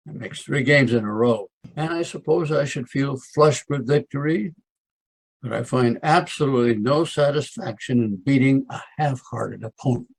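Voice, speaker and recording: Guy doing crusty old west doc, american, raspy, wry and scolding, radio drama. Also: mid-range voice, normal speed. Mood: wry, probing. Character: crusty, outspoken, needling frontier town doctor. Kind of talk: western radio drama acting.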